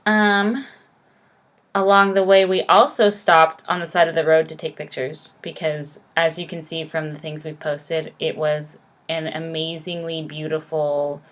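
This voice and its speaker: Gushing young woman, slightly low voice. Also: level tone, unhurried. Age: young adult. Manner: gushing, emphatic. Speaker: vlogger. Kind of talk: casual chat to camera with a co-host.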